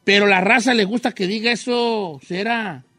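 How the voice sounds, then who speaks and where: A man with a Mexican accent chatting casually and joking while reading out comments, often mimicking singers' shouts. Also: high-pitched, normal speed, no echo, faint music behind. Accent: Mexican Spanish. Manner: jokey, imitates singers' shouts. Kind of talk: casual chat.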